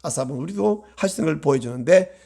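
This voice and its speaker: A male pastor delivering a sermon in a high, gravelly voice. His pitch leaps and dips constantly as he presses his points. He acts out prayers, moving from raised urgency to hushed pleading. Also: quick pace. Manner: animated preaching, acts out prayers with swings from loud to hushed.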